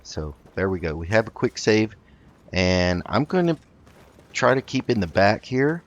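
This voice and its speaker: Very animated yet unhurried, a man with a low voice hosts a roleplay let's play of a video game. His commentary is casual and hesitant as he works out each move, and the audio is a little dull, like a modest home setup.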